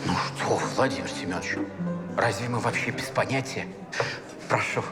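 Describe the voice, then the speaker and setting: An actor playing a curious, colloquial gentleman in a period detective series. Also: lowish voice, moderate pace, lightly acted. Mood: genial. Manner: colloquial, inquisitive. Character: curious, puzzled period gentleman drinking and asking questions. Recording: reverberant hall with music behind.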